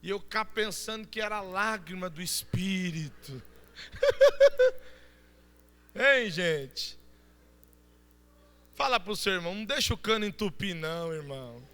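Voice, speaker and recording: A man with a Brazilian Portuguese accent preaching a Pentecostal sermon, shouting fervently and then dropping to soft storytelling. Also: sits high, wildly swooping pitch, slow, pauses often, smooth, long reverb tail. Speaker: pastor. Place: church.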